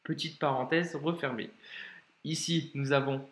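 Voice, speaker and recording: A man teaching a video lesson in a patient, informal way, talking straight to the learner and drawing out example words slowly. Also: a little high, fairly even intonation, fairly bright tone. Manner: slow, drawn-out modeling of example words. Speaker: Arabic reading teacher. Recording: echoey room.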